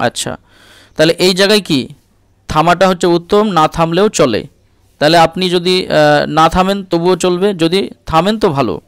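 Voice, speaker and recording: Male Quran tutor, slightly high, smooth clear voice, dry close sound, spells out letters then chants words slowly. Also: fairly bright tone, dry recording. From India. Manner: checks in often with the listener. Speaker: Quran reading teacher. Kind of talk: step-by-step recitation lesson.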